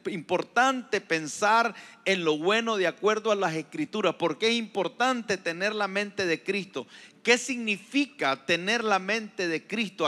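A man preaching a sermon as a pastor, firing off strings of rhetorical questions and swinging between hushed low passages and loud emphatic bursts.

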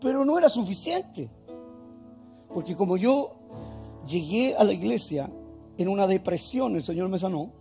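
High-voiced gravelly man preaching. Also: sing-song, moderate pace, long pauses, warm tone, soft background music. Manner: fervent preaching with rhetorical questions. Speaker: pastor. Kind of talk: sermon.

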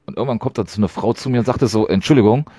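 A man's voice: lowish voice, racing, dark tone, dry recording, studio quality. A young man co-hosting a podcast, telling rambling stories in casual chat full of slang. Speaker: podcast co-host.

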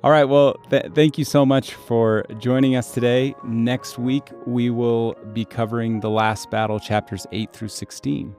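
A man's voice: mid-range voice, flat delivery, a little slow, hardly any pauses, a little mellow, soft background music. A man co-hosting a podcast about books, casual and joking. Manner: joking, laughs easily. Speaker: podcast co-host. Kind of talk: casual book discussion.

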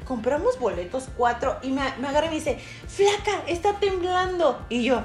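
A young Mexican woman with a Mexican Spanish accent tells a dramatic story on a casual podcast, acting out the shouted quotes and filling pauses as she goes. Her voice sits a little high. The room is echoey, with faint music underneath. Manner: animated storyteller, acts out shouted quotes, many fillers. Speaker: podcast co-host. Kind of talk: casual chat, telling a dramatic personal story.

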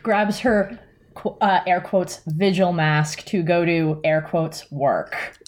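Woman, tabletop player, rambling, hesitant, low voice. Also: fairly even intonation, takes it slowly. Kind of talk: casual role-play narration.

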